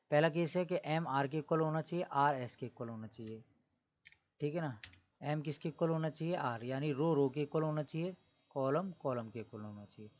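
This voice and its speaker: A man's voice: a little high, a little mellow, lo-fi sound. A man teaching maths in a classroom-style lecture, explaining step by step and asking his students questions as he goes. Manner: keeps adding the tag 'theek hai na'.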